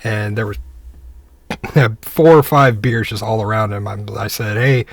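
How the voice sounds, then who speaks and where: A man's voice: on the low side, measured pace, no room sound. A young man, a police officer, casually telling a story and acting out the dialogue in a laid-back, conversational way.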